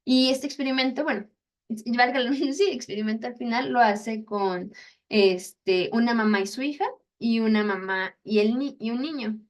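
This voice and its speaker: Young woman chatting through a faith lesson, kinda high voice, does little inner-voice bits, laughs at herself. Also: moderate pace. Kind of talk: casual teaching talk.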